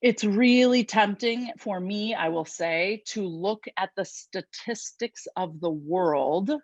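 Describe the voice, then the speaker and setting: A woman with a Chicago accent delivers an inspirational sermon in a lively, conversational way. She talks at a middle pitch, full of quick asides. The sound is dull and dry, as if streamed over a video call. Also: no room sound. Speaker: guest speaker at an online spiritual service.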